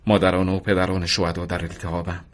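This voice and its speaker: An earnest, devout battalion commander, as a man reads him out in a radio drama reading, speaking in a fairly low, steady voice. He talks plainly and gets fervent when he pleads. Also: lightly acted. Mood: pleading.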